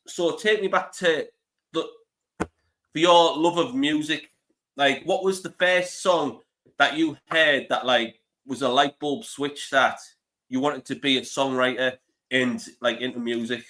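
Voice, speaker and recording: A man's voice: mid-range voice, measured pace, a bit bright. A man in his thirties, congested with the flu, hosting a casual live interview, chatty and laughing often. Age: 30s. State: stuffy with flu. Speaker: interview host.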